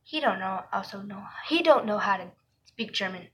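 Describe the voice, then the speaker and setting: A woman's voice: mid-range voice, animated, moderate pace, a little hiss or hum, poor audio. A woman vlogging in a rambling, giggly way, chatting casually to camera and correcting herself as she goes.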